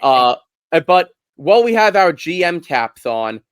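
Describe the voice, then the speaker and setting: A man's voice: a little high, very animated, unhurried, clear, resonant tone, no room sound. A man from Brooklyn with a Brooklyn accent, co-hosting a casual sports talk podcast and pressing his point with rhetorical questions. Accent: Brooklyn New York. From Brooklyn, New York. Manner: argues through rhetorical questions. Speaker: podcast co-host.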